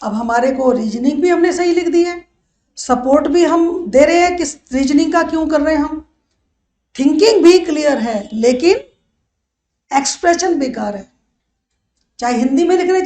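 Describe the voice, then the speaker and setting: A woman teaching a law lecture. She mixes Hindi and English, repeats key phrases and slows right down on the English lines. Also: sits high, mellow, echoey room. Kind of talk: classroom lecture.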